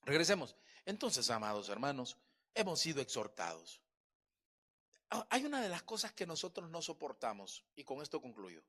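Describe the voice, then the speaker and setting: Emphatic bright-voiced preacher man. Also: fairly high pitch, very animated, normal speed. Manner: emphatic, shifting between loud exhortation and soft talk. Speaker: pastor. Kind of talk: sermon. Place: church.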